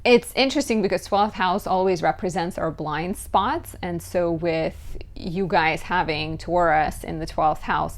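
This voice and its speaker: A woman astrologer giving a chatty, lively horoscope talk, often saying "like". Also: low voice, gravelly.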